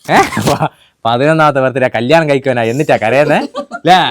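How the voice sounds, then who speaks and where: A young man, teasing his family playfully during a birthday surprise video. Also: medium pitch. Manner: teasing, playful, quick-talking. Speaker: prankster video host.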